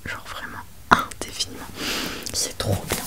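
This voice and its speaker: Young woman whispering softly, slow and breathy. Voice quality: soft breathy library-style whisper. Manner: informal, hesitant, trailing off mid-phrase. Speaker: ASMR book reviewer. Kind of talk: whispered ASMR book chat.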